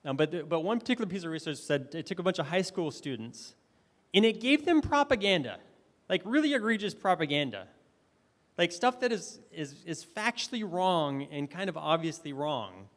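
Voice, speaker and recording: A man's voice: a little high, big pitch swings, normal speed, a bit bright. A man giving a conversational, enthusiastic conference presentation, checking in with the audience with questions as he goes. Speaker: conference speaker. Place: conference hall. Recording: long hall reverb.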